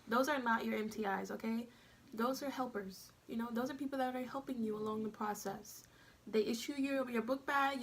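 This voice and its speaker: A young woman vlogger telling her own story in a chatty way, speaking straight to her viewers and giving them tips. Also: on the high side. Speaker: vlogger recounting basic training. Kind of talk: casual storytelling vlog.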